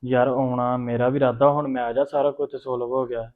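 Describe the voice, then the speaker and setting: A man's voice: medium pitch, level tone, fairly quick, close to an everyday voice. A man playing a scheming, short-tempered husband who talks brusquely and keeps cutting in. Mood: wheedling. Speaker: husband on a phone call. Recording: phone-like narrow sound.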